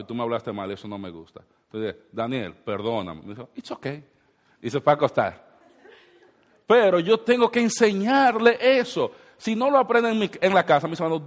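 A man's voice: on the high side, long reverb tail. A man in his thirties preaching a sermon as pastor, asking the congregation rhetorical questions.

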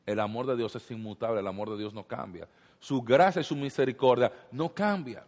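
A male pastor preaching to his congregation, firing rhetorical questions and building repeated lines. His mid-pitched voice carries a long reverb tail, as if recorded in a large church sanctuary. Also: brisk, a little mellow. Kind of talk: sermon.

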